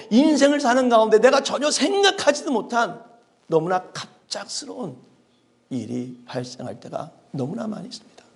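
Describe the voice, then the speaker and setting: A middle-aged male pastor preaching a sermon, dramatic and full of rhetorical questions, swinging between loud emphasis and hushed asides. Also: high-pitched. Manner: asks the congregation rhetorical questions.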